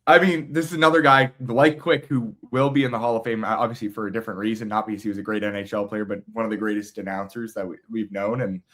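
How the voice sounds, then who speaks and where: A man's voice: on the low side, fairly even intonation, fast talker, hardly any pauses, a bit bright. A young man co-hosting a podcast, laid-back and agreeable, chatting casually with slang. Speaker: podcast co-host. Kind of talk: casual chat.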